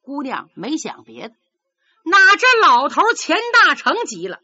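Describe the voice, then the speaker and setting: A woman telling a traditional story in a lively, dramatic manner, voicing every character herself. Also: high voice, measured pace. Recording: dull lo-fi recording.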